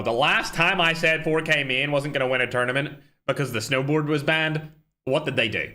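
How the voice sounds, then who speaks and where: A young man talks through a live tournament stream in a lively, animated way, his voice bright and forceful. He chats casually, thanking viewers and weighing up the teams between games. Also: mid-range voice. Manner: casual, chatty, shouts out viewers. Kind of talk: live-stream commentary and chat.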